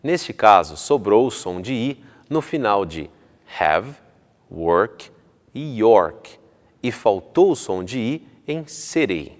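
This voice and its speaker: Brief Male teacher, low voice, unhurried, stretches the example words; reverberant room. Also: very animated. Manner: slow, deliberate, stretching example words to show pronunciation. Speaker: English teacher. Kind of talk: scripted TV lesson.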